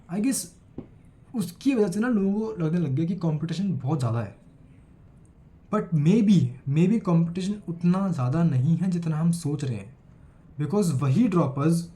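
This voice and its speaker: His voice sits on the high side and sounds mellow, with a little hiss or hum in the background. He is an 18-year-old student vlogger with an Indian accent, speaking earnestly to camera in a casual vlog while recovering from a cold and mixing Hindi and English.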